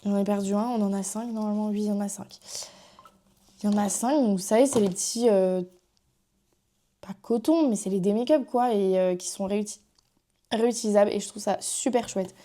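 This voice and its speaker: Chatty young Frenchwoman with a mellow voice. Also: medium pitch, fairly quick. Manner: chatty, rambling with many fillers. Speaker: vlogger. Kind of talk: casual makeup haul chat.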